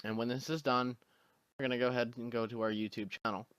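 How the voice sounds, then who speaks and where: A man with hiccups hosting a casual screen-recorded tutorial, walking through the steps in a relaxed way with fillers. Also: mid-range voice, fast talker, smooth, no room sound. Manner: relaxed step-by-step instructions with fillers. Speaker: tutorial host.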